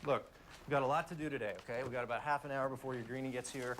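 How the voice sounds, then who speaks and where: Actor playing an easygoing young missionary, even mid voice, matter-of-fact, noisy recording. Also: male voice, mid-range voice, racing, lightly acted. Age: young adult.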